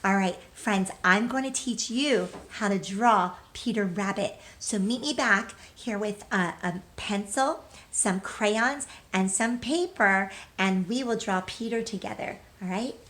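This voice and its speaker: A woman with a mid-range, slightly bright voice reads a children's storybook aloud at an unhurried pace with few pauses. She's a teacher addressing the young listeners directly, expressively stressing key words and asking them questions.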